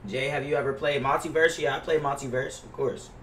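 Speaking a little fast with fairly even intonation, this young American streamer's mid-range voice has a slightly bright edge. He chats loosely to his livestream audience, swearing, using slang, and saying things more than once. The recording comes from a gaming headset mic in an indoor gaming room and sounds roomy, distant, and noisy.

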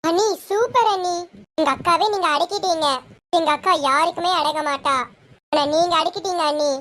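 High-voiced performer doing a sweet timid young sister. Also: fairly quick, sharp tone. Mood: pleading. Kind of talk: serial parody skit.

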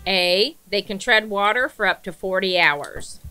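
A woman co-hosting a casual game night, reading quiz questions aloud slowly and giggling at her own lines. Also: medium pitch, bright, forceful tone, clear, resonant tone, low-quality recording. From American South. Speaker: quiz reader and co-host.

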